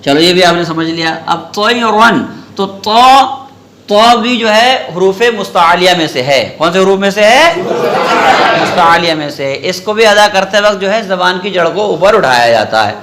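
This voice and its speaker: Guy teaching quran recitation, high bright voice, keeps quizzing the class and stretching the sounds out, echoey room. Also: lively intonation, noisy background. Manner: asks questions and repeats answers, draws out sounds slowly to demonstrate. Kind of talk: classroom tajweed lesson with call-and-response.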